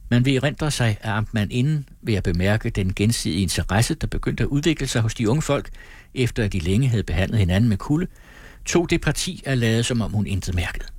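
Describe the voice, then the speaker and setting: A man reading a classic novel aloud in a measured, phrase-by-phrase way. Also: lowish voice, lively intonation, a little mellow, no room sound, studio quality. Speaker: audiobook reader.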